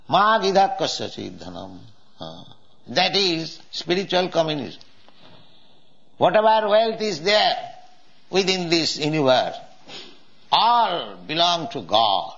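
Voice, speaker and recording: Older man giving a gravelly lecture. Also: fairly high pitch, a bit bright, low-quality recording. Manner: halting, with Sanskrit verses and frequent "uh" pauses. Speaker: spiritual teacher. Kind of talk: religious lecture. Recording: old 1970s lecture tape.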